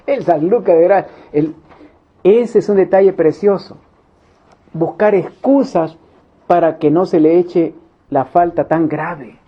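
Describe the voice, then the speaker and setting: Emphatic high-voiced preacher man. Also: slow. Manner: emphatic, repeats key phrases, acts out little quoted scenes. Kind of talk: Bible study teaching. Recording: dull lo-fi recording.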